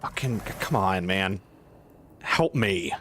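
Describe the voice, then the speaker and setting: This streamer plays a healer and narrates live, cursing in exasperation and saying things twice to drive them home. He has a low, fairly bright voice, speaks slowly but animatedly, and there's slight background noise.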